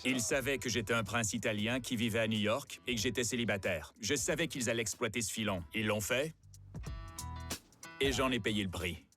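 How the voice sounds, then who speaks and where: A man calmly recounting, with some regret, his time as the star of a reality show, in a dubbed documentary interview. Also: medium pitch, normal speed, soft background music. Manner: calm, rueful first-person recounting.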